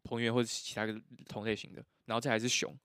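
A man telling his own stories as a podcast guest, animated and laughing often, acting out what others said. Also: lowish voice, rapid-fire, clear, resonant tone, dry recording, clean studio sound. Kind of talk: casual storytelling chat.

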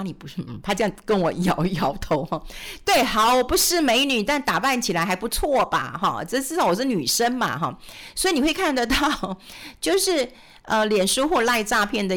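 A woman's voice: mid-range voice, fairly bright tone. A middle-aged woman with a Taiwanese Mandarin accent, hosting a finance show in casual, chatty talk. She laughs often and acts out little scenes as she goes. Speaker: radio finance host.

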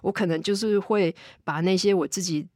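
A woman's voice: on the low side, brisk, a little mellow, no echo. Taiwanese-accented woman explaining in close, dry sound. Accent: Taiwanese Mandarin. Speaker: film and VR director, podcast guest. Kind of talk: casual interview conversation.

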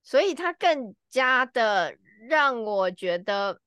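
A middle-aged woman co-hosting a casual podcast, telling a personal story with frequent filler pauses. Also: on the high side, sing-song, fairly bright tone, clean tone, dry recording, studio quality. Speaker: podcast co-host.

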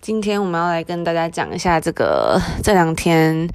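Lower-pitched woman with a Taiwanese Mandarin accent. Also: wildly swooping pitch, moderate pace, smooth. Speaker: podcast co-host. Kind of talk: casual news discussion.

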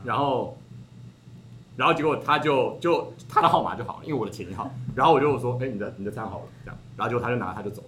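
A young man from Taiwan, a podcast host, telling a story in casual chat with animated delivery and frequent laughter. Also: medium pitch, rapid-fire, a little hiss or hum.

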